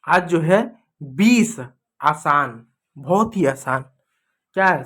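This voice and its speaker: A man from India teaching English pronunciation, drilling each word over and over in a teasing, scolding way. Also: high-pitched. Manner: repetitive, drilling words over and over. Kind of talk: classroom lesson.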